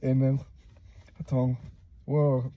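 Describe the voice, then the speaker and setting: A man recounting a painful personal memory in a somber, halting way, with many pauses and fillers. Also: fairly low pitch, breathy edge, dry recording, phone-quality sound. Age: adult, a father. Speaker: vlogger. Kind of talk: personal recollection to camera.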